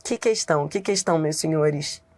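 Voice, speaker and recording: A woman teaching grammar in a lively exam-prep lesson, with a Brazilian Portuguese accent, asking herself rhetorical questions and laughing often. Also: sits low, moderate pace.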